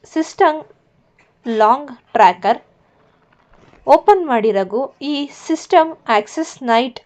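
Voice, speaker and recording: A woman's voice: high-pitched, lively intonation, takes it slowly. Stern young boss, a woman reading him. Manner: commanding, firm. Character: stern wealthy young male company boss. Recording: muffled lo-fi recording.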